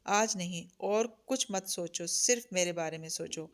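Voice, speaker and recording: A cold, domineering young feudal heir speaks with harsh arrogance, voiced by a woman reading a novel aloud. His low voice stays menacing and controlled, and his words are clipped and commanding. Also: lightly acted. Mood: mocking, possessive. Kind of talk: audiobook character reading.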